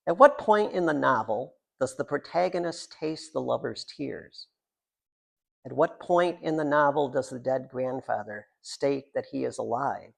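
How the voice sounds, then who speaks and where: In a live literary reading, a man shares his own writing in a voice that's noticeably gravelly and creaky, sitting at a normal middle pitch. He tends to ramble into self-deprecating asides delivered with a joking air.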